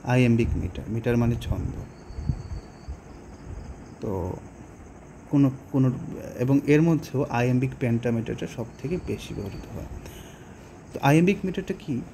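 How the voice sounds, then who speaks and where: A man with a Bengali accent explaining a poem to students, slowly and patiently, with pauses and rhetorical questions. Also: mid-range voice, animated, gravelly, mellow, a little hiss or hum. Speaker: teacher. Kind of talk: poetry lesson explanation.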